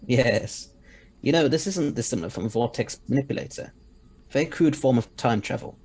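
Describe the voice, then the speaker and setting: A male actor plays an eccentric scientist and time traveller in an audio drama. The voice is husky and middling in pitch. He speaks articulately, with assurance and a faint air of superiority over humans. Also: animated, normal speed, darkish tone. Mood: confident, explanatory.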